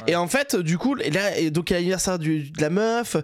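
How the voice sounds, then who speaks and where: A man's voice: sits high, lively intonation, a little fast. A man from France telling rambling anecdotes in casual chat, laughing often and filling with "euh".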